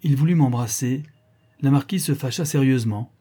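Male audiobook narrator, very dark tone, husky, measured literary delivery. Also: medium pitch.

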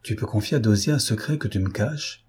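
A man's voice: lowish voice, brisk, a little mellow. A man voicing a grumpy, easily angered nobleman in a storybook reading. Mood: exasperated. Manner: gruff, exasperated.

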